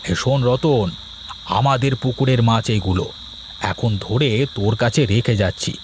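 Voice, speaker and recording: A man's voice: medium pitch, moderate pace, noisy background, natural voice. A man voicing a lazy young village husband who schemes to steal fish for card games. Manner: sly, plotting muttering. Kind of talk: cartoon voice acting.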